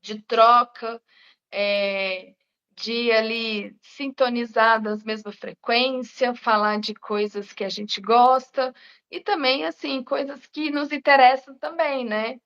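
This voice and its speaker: A woman therapist chats reflectively on a live stream and keeps checking in with "né?". Her voice sits a little high. The sound is dull and lo-fi. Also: steady tone, slow pace, a bit bright. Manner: reflective, many "né?" tags. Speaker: integrative therapist. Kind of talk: casual live chat.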